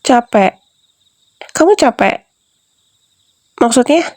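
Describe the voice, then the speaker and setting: A woman's voice: fairly high pitch, expressive, slow, a little mellow, dry recording. A young woman voicing a clingy, manipulative wife in an ASMR role-play, doting at first and then questioning and defensive.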